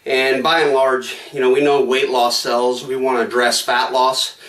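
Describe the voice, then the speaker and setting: A slightly winded man speaks quickly and casually, stacking repeated phrases for emphasis as he makes a sales pitch. His voice sits at an ordinary middle pitch. He is recorded from a distance in an echoey home gym. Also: flat delivery, a bit bright. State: slightly out of breath. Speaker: product promoter.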